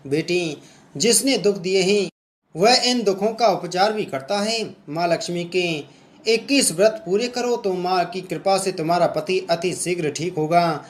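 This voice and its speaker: A man's voice: sits high, measured pace. A man voicing a kind old temple mother who consoles and instructs in a soothing way. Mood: instructing. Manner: soothing, reassuring.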